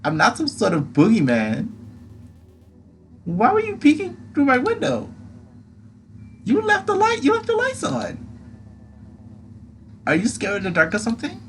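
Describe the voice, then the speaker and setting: Pixie-like little cryptid moth for a game; high squeaky pitch that swoops about, blunt and cheeky, noisy recording. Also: male voice, huge pitch swings, unhurried, pauses often, heavily acted. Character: young male moth cryptid, small pixie-like cheeky creature. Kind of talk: scripted character dialogue from a visual novel. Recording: clear background noise.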